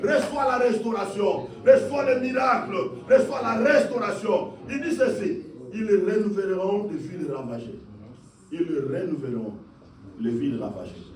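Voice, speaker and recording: A male pastor preaching a fervent, repetitive sermon that rises into shouts. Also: sits high, animated, normal speed. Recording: echoey hall, distant mic.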